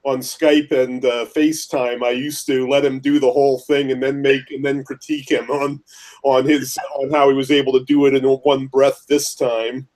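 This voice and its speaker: A man's voice: medium pitch, little pitch movement, moderate pace, darkish tone. A man on a video call, amused and teasing about a friend's phone greeting. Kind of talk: casual chat on a video call.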